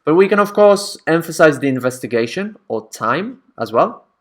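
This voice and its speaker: A man's voice: a little high, animated, moderate pace. A man teaching academic writing in a casual, conversational way, often checking in with the listener. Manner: conversational, checks in with frequent "right?".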